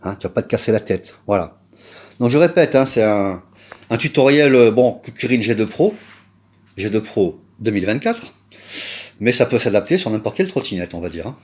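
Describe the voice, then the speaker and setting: A man's voice: fairly low pitch, big pitch swings, normal speed, a little mellow. A man from France giving a casual how-to tutorial, chatty, blunt and slangy, talking straight to the viewer with lots of filler tags. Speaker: scooter repair vlogger.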